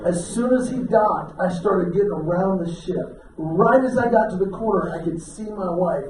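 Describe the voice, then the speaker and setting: A middle-aged man telling a stand-up story, animated, acting out quotes with sudden shouts. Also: sits high, normal speed. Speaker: stand-up comedian. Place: event hall with live audience. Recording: echoey hall from far off, crowd noise.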